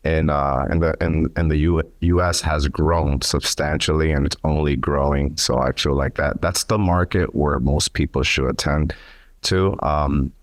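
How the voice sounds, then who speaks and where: A man's voice: rumbling low, fairly even intonation, a little slow, dry recording. A man from New York City in his thirties, a lender speaking on a panel, casual and friendly with many fillers. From New York City, USA. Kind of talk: public speech at a symposium.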